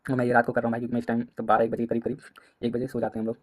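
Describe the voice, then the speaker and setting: A young man giving a casual exam-prep lesson, talking in a quick, repetitive way and often clearing his throat. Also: mid-range voice, completely flat delivery. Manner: rapid, repetitive, casual, addresses students as "bhai". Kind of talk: fast late-night revision lecture.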